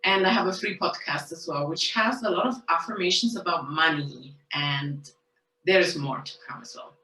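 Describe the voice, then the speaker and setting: A woman from Switzerland, a guest telling her story in soft, hesitant casual speech. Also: fairly low pitch, moderate pace. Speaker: interview guest and online money coach. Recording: roomy, distant mic.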